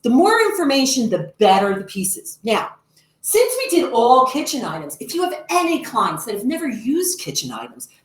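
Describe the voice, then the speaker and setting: A woman's voice: high-pitched, sing-song, moderate pace. A woman hosting a casual live-stream, demonstrating grill products in chatty, upbeat sales talk. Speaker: host demonstrating promotional products. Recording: echoey room.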